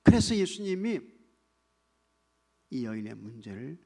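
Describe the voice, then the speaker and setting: Gravelly-voiced man preaching a sermon. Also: medium pitch, very animated, unhurried, dark tone. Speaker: pastor.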